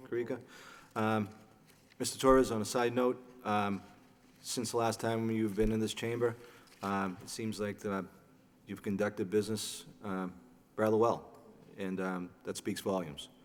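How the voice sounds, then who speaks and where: A man chairing a city license commission hearing, formal and procedural, with halting fillers and restarts, in a courtroom-style recording from a public chamber. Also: fairly low pitch, little pitch movement. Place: city hall meeting chamber. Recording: reverberant chamber with faint background noise.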